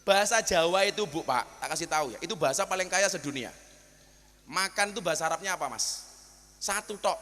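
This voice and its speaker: A man's voice: sits high, animated, a little fast, sharp tone. A man with a Javanese accent preaching a humorous sermon to a crowd, joking and telling stories as he switches between dialects. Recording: long hall reverb.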